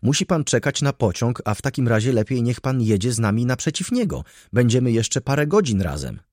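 A man's voice: medium pitch, huge pitch swings, unhurried, darkish tone, slightly rough, no room sound, clean studio sound, pitched above the performer's own voice, full character voice. A man reading an audiobook voices a refined young aristocratic woman, speaking in an urgent, pleading tone. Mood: anxious pleading.

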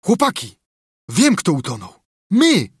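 A man voicing an excitable, bossy boy adventurer who exclaims eagerly, in a storybook reading. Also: on the high side, fairly quick, slightly rough, no echo, clean studio sound. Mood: excited.

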